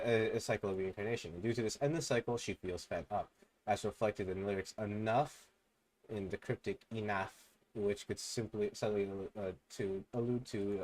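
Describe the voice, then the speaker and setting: A young man on a stream reads fan theories aloud in a low mumble, then breaks into loud, excited outbursts. The recording is low quality.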